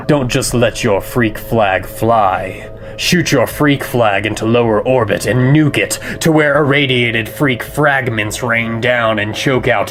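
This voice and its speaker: Man as manic radio host, low voice, grandiose, sardonic, morbid, music behind. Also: close to an everyday voice. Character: flippant, manic male underground radio host, gleefully morbid. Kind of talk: theatrical radio hosting and mock ad narration.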